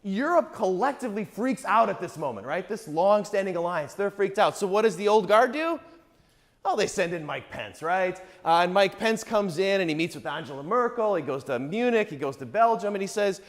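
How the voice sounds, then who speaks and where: A man's voice: high-pitched, lively intonation, brisk. A male political science lecturer giving a public talk in a conversational, sarcastic way, often checking in with the audience. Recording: echoey hall with long reverb.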